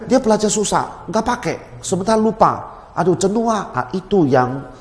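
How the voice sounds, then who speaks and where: Animated man explaining in an echoey room. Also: high voice, normal speed. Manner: animated, repeats words for emphasis. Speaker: Mandarin teacher and school head. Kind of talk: explaining in an interview. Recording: roomy with long reverb.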